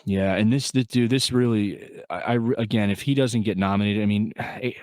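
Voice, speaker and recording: A man's voice: on the low side, normal speed, dry recording. A man co-hosting a film podcast, talking in an earnest, rambling way with lots of fillers and restarts. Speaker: podcast co-host. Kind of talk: casual film review chat.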